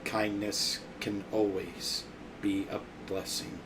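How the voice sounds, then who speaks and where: A man voicing a mechanical clockwork being in a slow, robotic voice for a tabletop game. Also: lowish voice, flat delivery, noisy background, voice pushed down. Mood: solemn. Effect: robotic, mechanical voice put on by the speaker.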